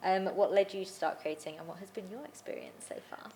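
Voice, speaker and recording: A young woman, a fashion creator, speaking in a relaxed, earnest, conversational way. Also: medium pitch, fairly quick, a little hiss or hum. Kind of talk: casual conversation.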